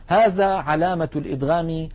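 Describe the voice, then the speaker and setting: Guy teaching tajweed, bit high voice, slow drawn-out recitations between explaining, muffled old recording. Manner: addresses students directly, instructive. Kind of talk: tajweed lesson with recited examples. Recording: dull lo-fi recording.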